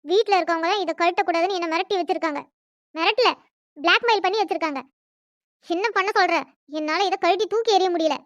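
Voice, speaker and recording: A defiant young bride in a cartoon drama, voiced by a woman. Her voice is very high and her retorts are hot and sarcastic. The sound is dry and close. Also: fast talker, a bit bright, no room sound, highs cut off.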